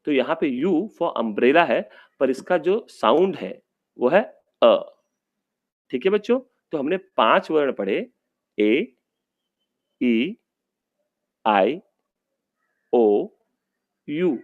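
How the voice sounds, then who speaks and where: A man's voice: a little high, expressive, slow, long pauses, narrow, tinny audio. A male teacher giving an online class for young children, speaking patiently, often calling out to the kids and drawing out vowel sounds.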